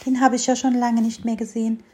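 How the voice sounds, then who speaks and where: A woman voicing a small, curious young fir tree in a storybook reading, eager and bright-voiced. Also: fairly high pitch, little pitch movement, quick pace, voice pushed up, close to an everyday voice.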